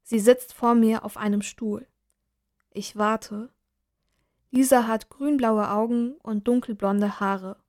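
A woman narrating a first-person story in a calm, measured reading voice. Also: fairly high pitch. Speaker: reader.

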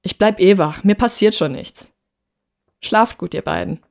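A woman reading aloud and voicing a tired young male student neighbour who calmly shrugs off worry. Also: mid-range voice, measured pace, gravelly.

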